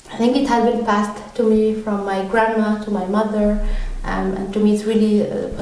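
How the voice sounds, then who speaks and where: A Tunisian woman answers interview questions conversationally as a podcast guest, her mid-range voice mellow and dark in tone. She is hesitant, pausing often on ums and restarting her sentences. The mic is far off in a very echoey room.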